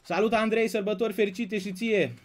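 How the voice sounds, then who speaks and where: A man's voice: high voice, steady tone. A man from Romania hosting a casual live stream, greeting viewers by name and bantering with the chat. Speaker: slots streamer.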